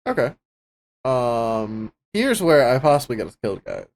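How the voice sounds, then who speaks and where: A man joking his way through a tabletop game, his voice bouncing up and down. He laughs often and talks at a middle pitch into a streaming microphone. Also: moderate pace. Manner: animated, laughs often, jokey. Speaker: player. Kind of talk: casual tabletop play on a live stream.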